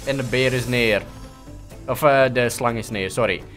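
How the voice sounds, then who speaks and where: A man's voice: mid-range voice, normal speed, fairly bright tone, faint music behind. A young Dutch man with a Dutch accent giving joking, swear-filled game commentary and dropping into English and mock German. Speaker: gaming streamer. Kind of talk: casual gameplay commentary.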